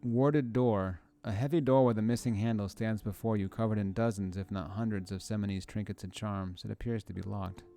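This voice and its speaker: A man's voice: on the low side, steady tone, brisk, vocal fry, few pauses, warm tone, faint music behind. Playful man streaming a video game. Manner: swears and laughs often, playful asides to chat. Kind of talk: casual let's-play commentary, reading game text aloud.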